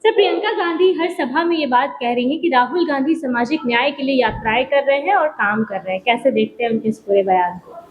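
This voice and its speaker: A woman anchoring a news interview, asking questions in a brisk, formal way. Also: high voice, roomy sound, highs cut off, slight background noise.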